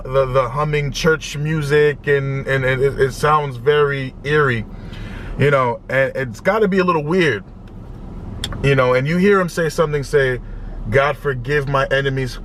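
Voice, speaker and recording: A young man hosting a music reaction video, talking casually and excitedly in slangy, repetitive bursts. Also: medium pitch, a little hiss or hum. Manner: excitable, loud, slangy, repeats himself.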